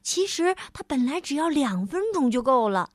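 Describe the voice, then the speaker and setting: A woman reading a storybook aloud to children, gentle and drawn-out, as a storyteller. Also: high-pitched, sing-song, no echo, studio quality.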